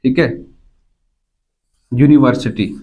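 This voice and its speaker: A man with a mellow mid-range voice explains English grammar slowly and step by step to a class, and the recording's highs are cut off. He frequently pauses to ask whether the students have understood, repeating key points.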